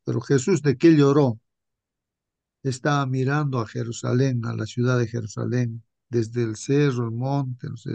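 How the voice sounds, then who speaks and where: A man guides a church study group, preaching loosely and checking in with his listeners again and again. His voice has a gravelly edge, and the recording is dry and close. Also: mid-range voice, a little mellow, no echo. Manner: rhetorical, repeats 'hermanos' and '¿no?'. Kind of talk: informal Bible study preaching.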